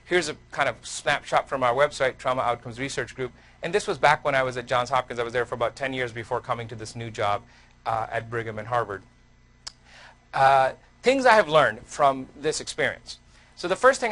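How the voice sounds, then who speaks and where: A man's voice: medium pitch, fairly bright tone. A middle-aged male surgeon giving an academic lecture, telling personal stories in a conversational way with frequent restarts.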